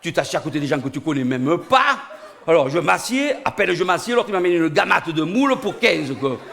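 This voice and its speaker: A man with a Niçois southern French accent telling a comic monologue, animated and rising to loud outbursts. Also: fairly high pitch, fairly quick, vocal fry, slight background noise. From Nice, southern France. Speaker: stand-up comedian. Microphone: studio recording.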